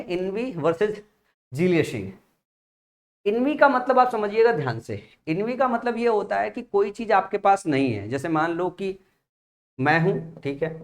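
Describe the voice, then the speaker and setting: A young man teaching a vocabulary lesson, explaining patiently and asking his students rhetorical questions while writing on a board. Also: a little high. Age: young adult father. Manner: often checks in with "theek hai na". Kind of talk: classroom-style vocabulary lesson.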